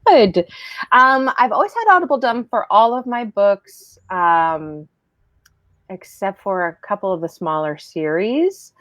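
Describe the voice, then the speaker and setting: A middle-aged woman chatting casually as an author guest, animated and emphatic in a conversational way. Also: medium pitch, unhurried, no room sound, dull audio. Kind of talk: casual chat.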